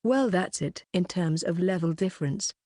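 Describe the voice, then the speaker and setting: A woman narrating a light novel audiobook in an even, plain reading style. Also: lowish voice, normal speed, dry recording, studio quality.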